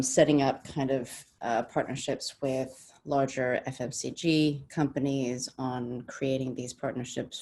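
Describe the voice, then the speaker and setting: A business development director speaks as a panelist on a video call, chatting casually about her career with many fillers and frequent laughs. She is half Danish, half Swedish, raised partly in the US, and has an American accent and a deep bass voice with a darkish tone.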